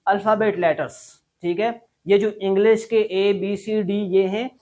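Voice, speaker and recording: A young Pakistani man with a Pakistani accent, teaching an English class and drilling students in loud call-and-response. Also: high voice, steady tone, a little slow. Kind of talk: classroom lecture.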